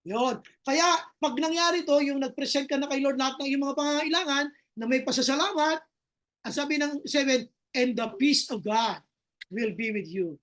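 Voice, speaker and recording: High-voiced Filipino woman preaching. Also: fairly bright tone. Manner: mixes Tagalog and English, reads scripture slowly, tells humorous anecdotes. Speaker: pastor. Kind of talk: sermon.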